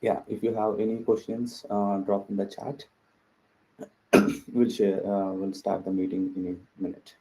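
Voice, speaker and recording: A man hosting a webinar on a video call, speaking haltingly with many fillers while he checks whether people can hear him. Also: fairly low pitch, level tone, warm tone, breathy edge, low-quality recording. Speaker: webinar host. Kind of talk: casual webinar setup chat. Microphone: computer mic on video call.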